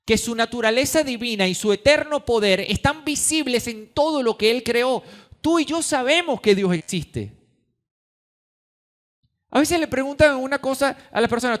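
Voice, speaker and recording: A man preaching a sermon in church, impassioned, swinging between loud and hushed, with many rhetorical questions. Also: high-pitched. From Venezuela. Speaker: pastor.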